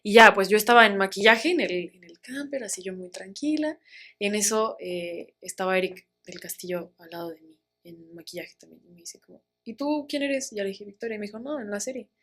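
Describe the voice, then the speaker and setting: This is a young woman with a Mexican accent, a guest in a relaxed interview. She tells her story in a lively way and slips into the voices of the people she quotes. Her voice sits at an ordinary middle pitch. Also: a little fast. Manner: animated, acts out quoted voices, laughs often.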